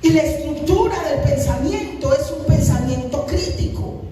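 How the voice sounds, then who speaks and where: A woman's voice: sits high, lively intonation, normal speed, mellow, soft background music. A woman pastor preaching a sermon emphatically, now and then breaking into sung phrases. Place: church hall. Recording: echoey hall, mic at a distance.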